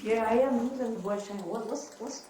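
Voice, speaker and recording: A man's voice: very high-pitched, brisk, crowd noise. A man talking in game voice chat through an AI voice changer that makes him sound like a young woman, flustered and pleading. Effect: AI anime voice changer making him sound like a young woman. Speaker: fellow online player. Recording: echoey, distant in-game proximity chat.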